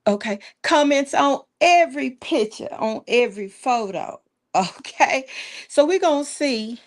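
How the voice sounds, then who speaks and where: A woman hosts a casual talk show. Her delivery is folksy and animated, and she repeats words for emphasis. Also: sits high, unhurried. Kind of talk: casual live call-in style chat.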